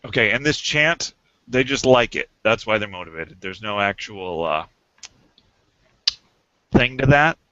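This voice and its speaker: A man running a tabletop game as game master, relaxed and laughing as he looks up the rules. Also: lowish voice, slow pace, pauses often, no echo. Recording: dull lo-fi home recording.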